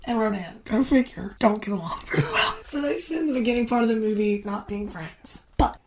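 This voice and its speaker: A woman's voice: mid-range voice, brisk, distant mic, heavy background noise. Woman co-host recapping a movie plot. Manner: recaps a plot with playful asides. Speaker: podcast co-host. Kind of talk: casual chat.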